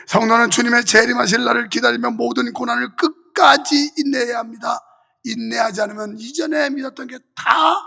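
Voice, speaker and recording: A male pastor preaching a fervent sermon with a strained voice and rhythmic, shouted refrains, in a church sanctuary. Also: extremely high pitch, gravelly. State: voice strained from heavy use. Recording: reverberant church hall.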